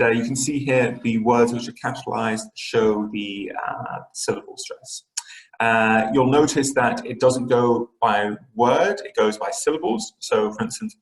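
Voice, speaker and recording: A man's voice: mid-range voice, moderate pace. Man teaching literature in a roomy space. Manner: explanatory, frequent fillers and restarts. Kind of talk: online lesson lecture.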